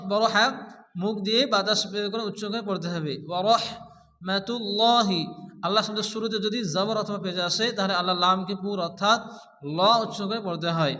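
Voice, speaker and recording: A man teaching prayer recitation, explaining pronunciation rules and then chanting each phrase slowly and drawn out. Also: high-pitched, sharp tone, in a large hall. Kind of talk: recitation lesson.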